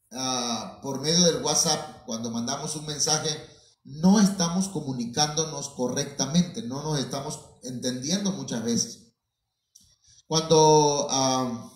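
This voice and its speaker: A man from Mexico, a preacher, giving a teaching talk to his congregation, unhurried and full of fillers, often calling his listeners brothers. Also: a little high. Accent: Mexican Spanish. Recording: very echoey room.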